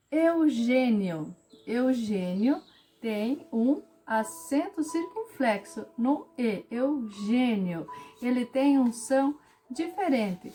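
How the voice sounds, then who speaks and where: A woman teacher, explaining a lesson patiently and clearly to children and acting out example sentences with lively intonation. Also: high-pitched. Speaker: special education teacher.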